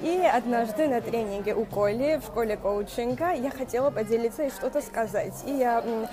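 A young woman coach hosts a live stream from a small indoor room, greeting viewers by name with music playing behind her. Her fairly high voice comes through a wired earphone mic, halting and full of fillers. She speaks Russian as a second language, with a noticeable accent.

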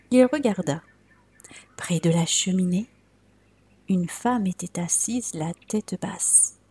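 Slow, husky-voiced woman storyteller. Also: on the low side. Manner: slow, soft, dropping to whispers. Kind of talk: read-aloud fairy tale narration.

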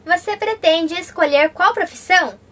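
A young woman from Brazil hosts a casual question-and-answer vlog with a very high, light voice. She talks in a chatty way, reading viewer comments aloud and then answering each one. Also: moderate pace, heavy background noise.

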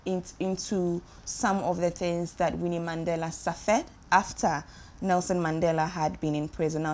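A woman hosting a talk show, speaking in a reflective, measured way. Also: fairly low pitch, darkish tone. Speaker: radio host.

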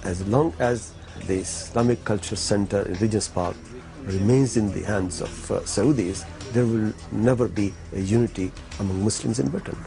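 A man's voice: on the low side, moderate pace, gravelly, over music. A man speaking emphatically in an interview, with hesitant fillers.

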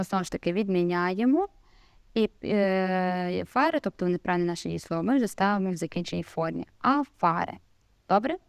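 Low gravelly woman teaching Italian. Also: darkish tone, no room sound, studio quality. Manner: explains slowly, many fillers, repeats examples. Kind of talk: casual video lesson.

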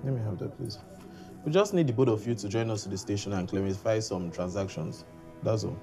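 Man playing a composed detective in a film drama, speaking with measured authority. His voice sits low. Clear music plays beneath him. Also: warm tone, natural voice. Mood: firm. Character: calm firm male police detective. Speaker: actor. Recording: film audio with music bed.

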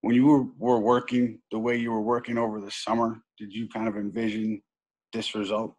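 A man's voice: on the low side, little pitch movement, brisk, darkish tone, poor audio. A male reporter asking questions over a video call with a tentative lead-in. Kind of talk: press conference question.

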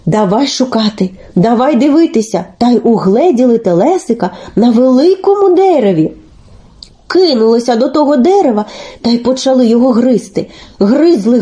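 Lively high-voiced woman storyteller. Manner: lively, sing-song storytelling. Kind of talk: expressive fairy-tale narration.

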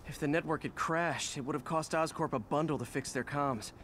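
Young male game hero, man acting: fairly high, wry, urgent, earnest, over noisy game sound. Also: fairly quick, lightly acted. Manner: wry, urgent self-talk. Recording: loud game sound behind the voice.

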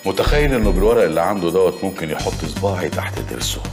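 A man's voice: low-pitched, expressive, very fast, a little mellow, soft background music. An actor in his fifties playing a proud, menacing crime boss, cold and commanding, with an Egyptian accent. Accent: Egyptian Arabic.

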